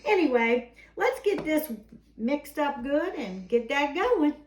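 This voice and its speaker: A woman's voice: high-pitched, lively intonation, slow, a little mellow. A woman hosting a home cooking show, chatting in a folksy way through each step in a kitchen. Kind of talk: cooking show host presenting a demonstration. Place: indoor kitchen. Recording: echoey room with faint background noise.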